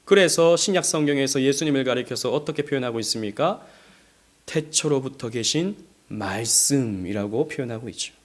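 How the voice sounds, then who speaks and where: A middle-aged man from South Korea preaching a Sunday sermon as pastor, speaking gently and then building to emphatic stresses, sometimes acting out quoted lines. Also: medium pitch, normal speed. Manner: gentle, rising to emphatic, acts out quoted speech. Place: church sanctuary.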